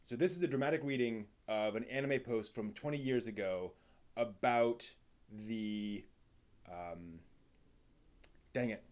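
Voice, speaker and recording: A man with a fairly low, slightly mellow voice hosts a casual live stream about anime, rambling a bit slowly with frequent pauses. At times he breaks into theatrical read-aloud segments.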